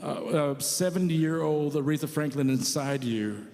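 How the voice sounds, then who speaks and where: A man's voice: fairly high pitch, unhurried, warm tone. A man chatting casually and joking between songs at a church service, self-deprecating and rambling. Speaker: church musician. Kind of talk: casual stage banter and singing with guitar. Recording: live with long reverb and guitar.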